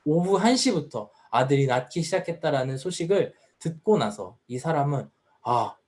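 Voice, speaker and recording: A man's voice: a little high, very animated, normal speed, a little mellow. A man preaching a sermon at a youth service as the pastor, earnest and full of rhetorical questions. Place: church.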